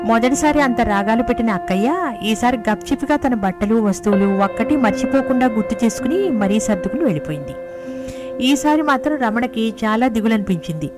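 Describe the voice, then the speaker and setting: Female storyteller, expressive reading, slightly high voice, music bed. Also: fairly quick. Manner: gentle, expressive reading with dialogue in character. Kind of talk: reading a story aloud, voicing the characters. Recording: music playing behind the voice.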